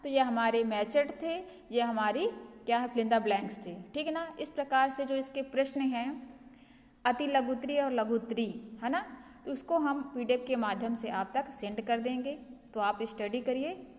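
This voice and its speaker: High-voiced woman teacher, reverberant sound. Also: measured pace, darkish tone. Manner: repeats "ठीक है ना" as a check-in with pupils; mixes English words into Hindi teaching. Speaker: school Hindi teacher. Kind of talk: online class lesson explanation.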